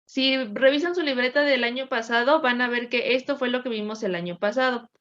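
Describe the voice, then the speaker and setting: A woman teacher leads a grammar lesson, her voice sitting a little high. She patiently drills verb forms and prompts the class to answer back. The recording is dull and lo-fi. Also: a little fast, fairly bright tone. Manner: patient, drills conjugations with call-and-response.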